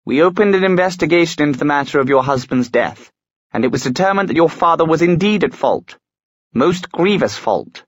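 A man's voice: fairly high pitch, animated, brisk, no echo, highs cut off, pitched above the performer's own voice. A man voicing a weary, sarcastic middle-aged inquisitor with a cutting manner, in an audiobook. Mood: stern.

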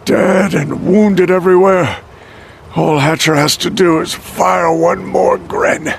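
A man's voice: high voice, steady tone, slow, vocal fry, a little hiss or hum, voice pushed up, heavily acted. A man voicing a wounded settlement leader who sounds defeated and strained. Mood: despairing. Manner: gloomy, defeated.

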